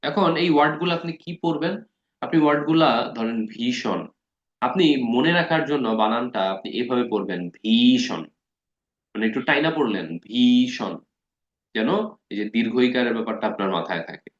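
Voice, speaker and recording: A man teaching a grammar lesson in a relaxed, conversational way, his voice sitting at an ordinary middle pitch. He keeps checking in with his listeners and drags out words slowly to show their spelling. The recording sounds dull and lo-fi. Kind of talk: casual spoken lesson.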